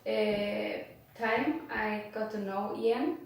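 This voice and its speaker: An Icelandic woman in her forties, a former board member, answers interview questions casually in English with unhurried, non-native phrasing, hesitant pauses and many fillers. Her medium-pitched voice is creaky, captured by a camera mic across a small office with posters and plants, giving roomy echo and slight background noise.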